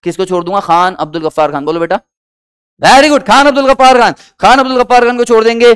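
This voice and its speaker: A man's voice: high voice, fast talker, a bit bright, smooth. A man teaching a history lesson in Hindi-English mix, constantly asking the class questions and having them repeat answers. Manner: quizzes students with repeated questions and calls them beta, acts out short quoted bits. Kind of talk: energetic classroom-style lesson.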